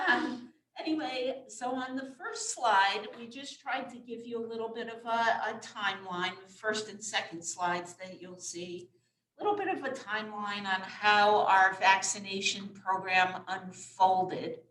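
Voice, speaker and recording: A woman presents informally on a webinar through a face mask. Her voice is bright and forward, yet it comes from away from the microphone in an echoey room. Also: medium pitch, measured pace. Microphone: distant microphone. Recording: roomy echo, distant microphone.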